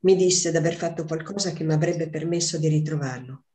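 A woman's voice: deep voice, warm tone, natural voice. Woman reading as a grieving young mother. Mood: sorrowful. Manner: slow, measured reading aloud. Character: young mother grieving her lost newborn. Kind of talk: literary reading.

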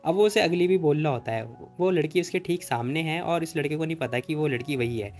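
A man's voice: fairly high pitch, fairly quick, darkish tone, faint music behind. A man narrating a comic story recap in a chatty, filler-heavy way.

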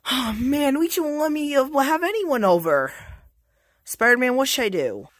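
A woman voicing an eager plumber hero who rambles excitedly to himself in a homemade plush toy skit. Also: sits high, normal speed, a little hiss or hum, voice pushed up. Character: eager plumber hero, a grown man who loves snacks.

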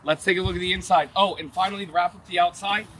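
A man's voice: sits high, steady tone, fast talker, a bit bright, a little hiss or hum, rough recording. A middle-aged man hosting a casual outdoor walkthrough of a van, asking questions with upbeat enthusiasm. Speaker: host. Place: outdoors at a vehicle lot.

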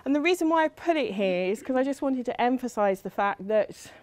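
Woman lecturer from England, middle-aged, slightly high voice, chatty, lots of ums, dry close sound. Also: expressive, a little fast, darkish tone, no room sound. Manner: chatty, self-deprecating, frequent ums. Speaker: university lecturer. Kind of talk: academic lecture.

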